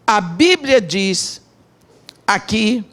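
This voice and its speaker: Speaking with a medium-pitched, expressive, fairly bright voice, a middle-aged missionary woman with a Brazilian Portuguese accent delivers a sermon. Her storytelling is dramatic, coming in short, measured phrases.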